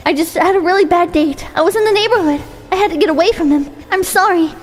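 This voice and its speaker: Woman doing a high, cute anime girl. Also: fast. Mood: tearful, apologetic. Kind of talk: character voice in story reading. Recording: long hall reverb with music.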